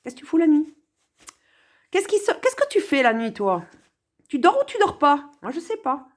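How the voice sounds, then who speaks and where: Sarcastic, animated woman. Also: high-pitched, normal speed. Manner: sarcastic, playful, talks to the viewer. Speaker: commentator on a song. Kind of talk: casual spoken commentary.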